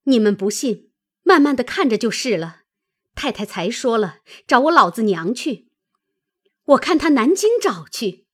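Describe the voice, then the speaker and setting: A defiant young maid with a high, breathy voice that swings wide as she lashes out, as a woman reader puts her on. She scolds in sharp, heated bursts, proud and unwilling to give an inch, in a storybook reading. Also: very animated, unhurried, full character voice. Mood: indignant.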